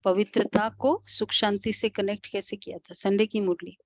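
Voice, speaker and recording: A woman with an Indian accent, a spiritual teacher giving a devotional class lecture, explaining and asking the class questions with soft hums. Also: mid-range voice, steady tone, moderate pace, dry recording, dull audio.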